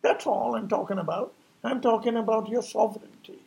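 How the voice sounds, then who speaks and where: An emphatic, preachy man with a fairly high voice, delivering an impassioned New Year monologue. He hammers his points home and keeps throwing out rhetorical questions. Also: a little fast, gravelly, darkish tone. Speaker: speaker giving a New Year message.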